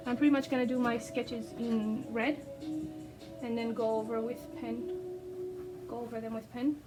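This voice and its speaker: Speaking English as a second language, an artist rambles hesitantly while sketching on camera, with plenty of ums and self-deprecating humor. Her voice is a little high and steady in tone, captured by a distant mic over background music.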